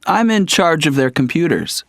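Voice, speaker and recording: A man's voice: fairly high pitch, very animated, normal speed, a bit bright, no echo, studio quality. An actor playing a friendly young man who is new to skating and chatty in a scripted textbook dialogue. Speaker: travel agency computer worker.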